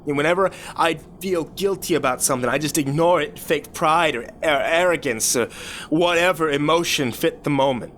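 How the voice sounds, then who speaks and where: A man playing a troubled rich young man confessing a cruel past in a halting, stammering way, as a dramatic horror story monologue. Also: fairly high pitch, fairly bright tone, close to an everyday voice. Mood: bitter, regretful. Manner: halting, confessional, stammering over repeated words. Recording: clear background noise.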